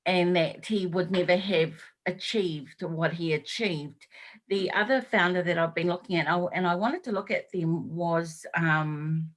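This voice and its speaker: A woman interviewer speaks very slowly, pausing often on "um" as she sets up her questions. Her voice sits a little low for a woman. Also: low-quality recording. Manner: hesitant, many "um"s. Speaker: interviewer host.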